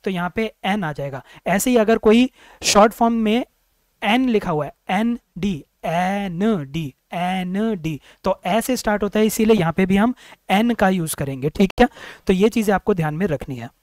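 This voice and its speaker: A man teaching English grammar for exam preparation, repeating words slowly, sounding out each vowel and answering his own questions. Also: high voice, animated, no room sound. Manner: asks questions then answers them himself. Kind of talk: exam-prep grammar lecture.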